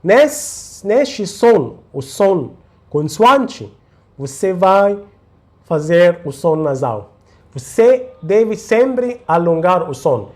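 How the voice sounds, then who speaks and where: Very animated, with a slightly mellow voice that sits high, a man leads a slow Quran recitation tutorial. He goes over syllables patiently, repeating them for the learner to copy.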